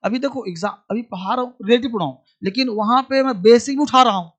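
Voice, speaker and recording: A man's voice: very high voice, fast talker, lo-fi sound. Repetitive, drilling male grammar teacher. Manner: repeats key points like dictation; addresses students familiarly as son and kid. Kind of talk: exam-prep lesson.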